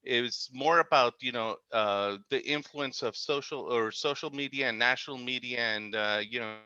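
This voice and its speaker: A man's voice: mid-range voice, normal speed, pushed and bright, clean tone, no room sound. Man on a choppy, breaking-up call. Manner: hesitant, full of fillers. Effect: choppy call audio breaking up. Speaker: commission member commenting at a council meeting. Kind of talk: public comment over a remote call. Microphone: remote video call. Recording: dull lo-fi remote call audio.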